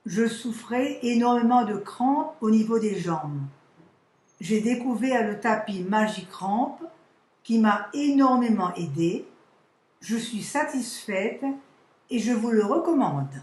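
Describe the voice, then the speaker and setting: A woman from Réunion giving a short, measured testimonial in a roomy recording. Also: on the high side, expressive, a little mellow. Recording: roomy echo.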